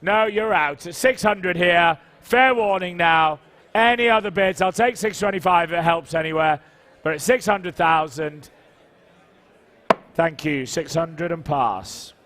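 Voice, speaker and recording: A man's voice: a little high, unhurried, fairly bright tone. A man working as an auctioneer, calling and repeating bids and coaxing bidders in a live sale.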